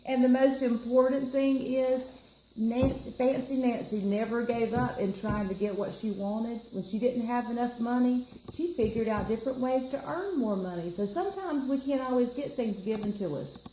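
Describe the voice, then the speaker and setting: An American woman with a voice on the high side reads a picture book to children at a moderate pace during library storytime. She keeps it chatty, explaining things to the kids and her co-reader. Faint background noise and a roomy echo can be heard.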